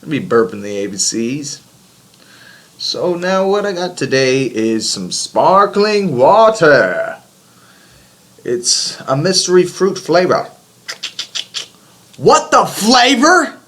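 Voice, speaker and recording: A man's voice: on the high side, very animated, takes it slowly, long pauses, a bit bright. A man chatting casually to the camera as a vlogger.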